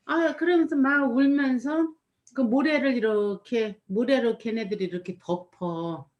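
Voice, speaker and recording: Woman, casual chat, rambling retelling, many fillers, reflective, higher pitch. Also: measured pace, highs cut off. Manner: rambling, full of "이렇게" fillers. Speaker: storyteller recounting a performance.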